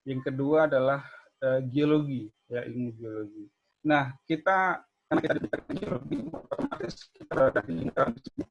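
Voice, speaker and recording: A man's voice: mid-range voice, lively intonation, a little fast, slight background noise. A man giving an online university lecture in an explanatory way, often checking in with his listeners, over a bad connection where his voice keeps breaking up. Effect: choppy, breaking-up video call audio. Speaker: geology lecturer. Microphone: video call. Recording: dull lo-fi call audio.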